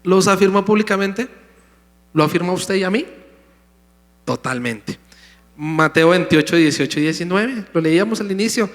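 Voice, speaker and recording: A man preaching a sermon in a slightly high voice, emphatic and calling out to his congregation. His words ring out through a church sanctuary. A long hall reverb trails after each phrase. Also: normal speed, pauses often. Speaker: pastor.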